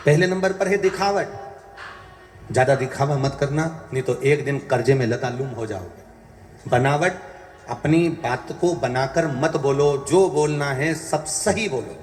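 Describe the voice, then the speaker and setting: A man's voice: fairly high pitch, a little slow, darkish tone. Man preaching emphatically in an echoey hall. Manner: repetitive, emphatic, exhorting listeners. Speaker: preacher giving a religious discourse. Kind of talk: devotional sermon with sung verses. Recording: echoey hall with music behind.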